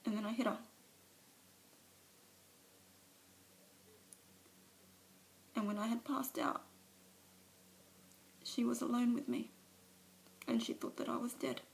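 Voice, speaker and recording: A woman with a lowish, flat voice performs a monologue as a remorseful mother recovering from alcoholism, speaking at a moderate pace in a tone close to everyday speech. Her delivery is confessional and sometimes drops to a whisper, and it was recorded on a phone camera.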